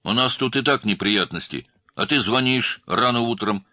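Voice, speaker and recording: A man's voice: sits low, flat delivery, a little fast, bright, forceful tone, no echo, studio quality. A man voicing an irritable, curt man who answers the phone. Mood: irritated. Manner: grumpy, curt.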